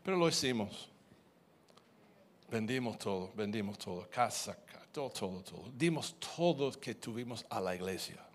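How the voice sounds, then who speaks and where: Animated man giving a sermon testimony. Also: lowish voice, moderate pace. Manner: animated storytelling, with repeated words.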